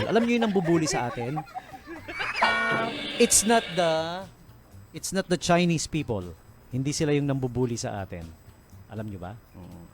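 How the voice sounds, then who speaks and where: Lively Filipino radio DJ man. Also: mid-range voice, a little hiss or hum. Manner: laughs often, mixes Tagalog and English. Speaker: radio DJ host. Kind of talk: casual late-night radio chat. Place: radio studio.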